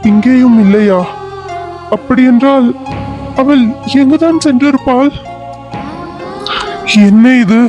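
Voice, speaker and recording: A man's voice: very high-pitched, slow pace, pauses often, dull audio, over music. A man voicing an anxious young hero searching for his missing bride in a cartoon serial, firing off worried questions.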